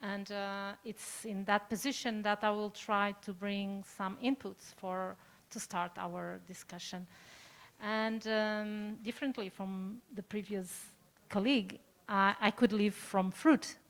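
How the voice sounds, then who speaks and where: A woman's voice: mid-range voice, steady tone, slow pace. Earnest middle-aged woman on a video call. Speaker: input speaker, education director. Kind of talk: online panel introduction.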